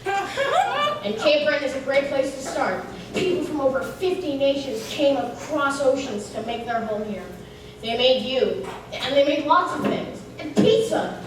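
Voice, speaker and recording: A woman's voice: sits high, expressive, a little slow. A woman playing an encouraging comrade in a stage comedy. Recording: echoey noisy hall from far off.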